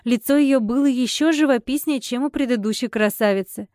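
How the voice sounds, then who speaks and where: A woman narrating a first-person fantasy audiobook in an expressive, wry manner. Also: high voice, brisk, dry recording, studio quality.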